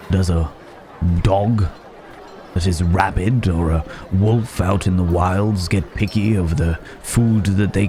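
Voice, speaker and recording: For an ASMR roleplay, a man plays a courteous, city-bred gentleman secretly a werewolf, thoughtful and wary. His deep voice is unhurried, hesitant and musing, full of old-fashioned wordy phrasing in a pondering mood. Market crowd and outdoor noise from a bustling village market fill the background.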